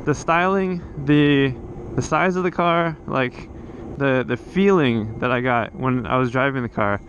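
On a coastal road, a man chats casually from his motorcycle for a riding vlog, recorded by a helmet camera. He rambles with many restarts and fillers in a mid-range, fairly bright voice, and the lo-fi audio carries a little hiss or hum.

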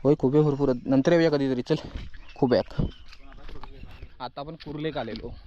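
A young man, vlogging in casual chat outdoors on a rural plateau, addressing viewers directly and often dropping to a soft murmur. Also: medium pitch, moderate pace. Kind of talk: casual outdoor vlog narration. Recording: dull, muffled outdoor audio with faint nature noise.

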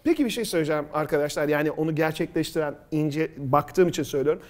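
A man's voice: on the high side, racing, darkish tone. A middle-aged or older man hosting a quiz and telling stories in casual, conversational speech. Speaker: quiz show host. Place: studio table, indoors.

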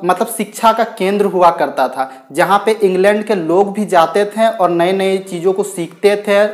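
A young man giving a chatty video lecture on poetry to students, often saying "guys" and "okay". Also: sits high. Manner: chatty, repeats "theek hai" and "guys" often. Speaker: English literature teacher.

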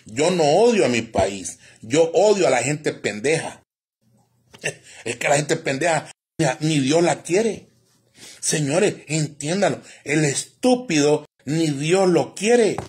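A man's voice: on the high side, lively intonation, slow, breathy edge. A man delivering a preachy, insulting rant on a live stream, in the tone of a doom-laden prophecy. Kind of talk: ranting live-stream monologue.

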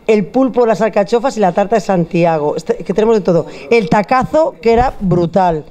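Her warm, mid-range voice moves at a fairly quick clip as she jokes and chats through a food show. She's a middle-aged host using a handheld mic indoors at a bar with wine shelves.

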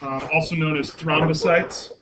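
A man's voice: a little high, steady tone, moderate pace. A man giving a university anatomy lecture, explaining step by step with many fillers and self-corrections and asking the class questions. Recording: muffled lo-fi classroom recording with faint noise.

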